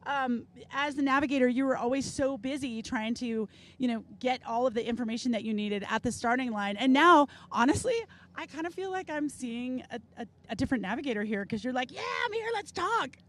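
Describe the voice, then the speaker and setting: A woman's voice: brisk, fairly bright tone. A woman hosting a live show, chatting casually and enthusiastically with guests at an outdoor rally event. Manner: chatty, enthusiastic, acts out quotes with big pitch jumps. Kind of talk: casual on-site interview.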